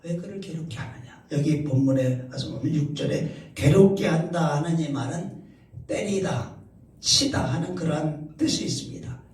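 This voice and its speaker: Korean pastor preaching in an echoey church. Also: male voice, on the high side, moderate pace, a little mellow. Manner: explanatory, repeats phrases for emphasis. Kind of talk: sermon. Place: church sanctuary. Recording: roomy echo, heard from a distance.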